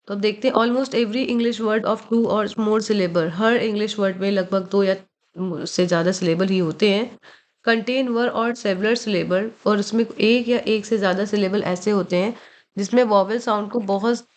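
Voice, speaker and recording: A woman teaching English pronunciation, mixing languages, slowing down to spell out and repeat words and often checking in with her listeners. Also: medium pitch. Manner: slow, careful spelling-out of words, frequent "thik hai" check-ins. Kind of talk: explaining a textbook in Hindi mixed with English.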